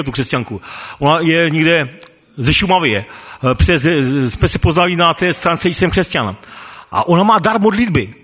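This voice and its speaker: A man's voice: fairly high pitch, fairly bright tone, husky, in a large hall. A man sharing a personal faith testimony as a ministry worker, stammering through restarts and chuckling often.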